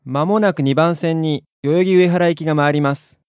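A man's voice: on the high side, fairly even intonation, normal speed, a little mellow, clear, resonant tone, lightly acted. A man voicing a platform announcer who makes a formal train station announcement in a lesson dialogue.

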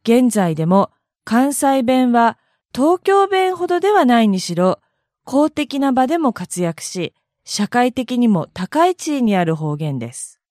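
A woman from Kansai hosts her own audio blog, reading a prepared explanation in a measured way. Her fairly high voice rises and falls in a lively way. The recording is dry, with no room sound. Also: dry recording. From Kansai, Japan. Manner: measured, reads from a prepared script. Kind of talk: scripted explanatory narration.

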